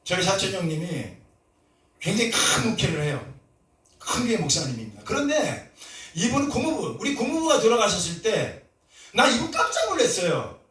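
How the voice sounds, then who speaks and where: A middle-aged man preaching a sermon with passion, moving between soft talk and shouted cries. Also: high voice, sing-song, normal speed. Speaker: pastor. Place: church sanctuary. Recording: roomy church echo, from a distance.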